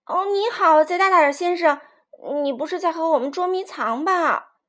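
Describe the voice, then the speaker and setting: A woman's voice: extremely high pitch, moderate pace, fairly bright tone, voice pushed up. A woman voicing a curious young chick who asks a lot of questions.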